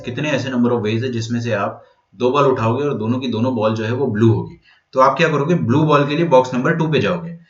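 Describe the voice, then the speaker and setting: Lively male maths teacher, echoey lo-fi recording. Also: mid-range voice. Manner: lively, asks and answers his own questions; mixes English phrases into Hindi. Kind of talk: exam-prep lecture. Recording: echoey room, dull lo-fi sound.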